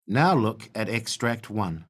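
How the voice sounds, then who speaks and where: A man reading listening-test instructions in a measured, formal, announcing manner. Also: on the low side, big pitch swings. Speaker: test narrator. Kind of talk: scripted exam narration.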